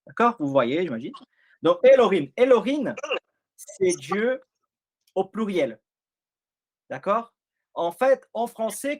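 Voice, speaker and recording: A man with a non-native accent and a voice on the high side leads an informal Bible study. He explains things step by step and often checks that his listeners are following.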